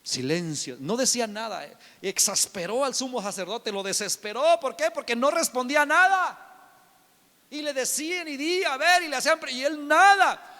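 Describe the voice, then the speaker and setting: Preacher guy in a big echoey hall, high voice, slow, rising to shouts then whispering. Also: animated. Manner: emphatic, swinging from shouts to hushed whispers. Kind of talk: sermon.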